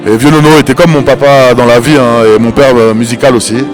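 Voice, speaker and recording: A middle-aged man from Paris, a drummer, answering interview questions in a warm, easygoing way. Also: medium pitch, steady tone, brisk. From Paris, of Cuban descent. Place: busy train station. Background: music.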